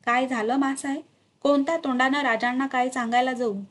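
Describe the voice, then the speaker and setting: A woman's voice: high voice, fairly even intonation, fairly quick. A woman voicing an aged, devout male steward who reproaches himself with anguished, pleading speech.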